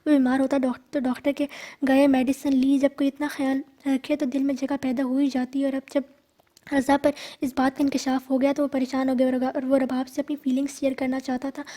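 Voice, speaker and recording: A woman reading a romantic story aloud in a steady, plain way, with small slips now and then. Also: sits high.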